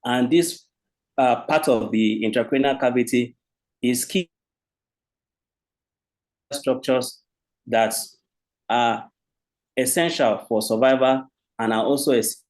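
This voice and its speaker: A man with a Nigerian accent presenting a medical lecture, formal and halting, restarting his sentences. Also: mid-range voice, fairly even intonation, low-quality recording. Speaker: presenting doctor.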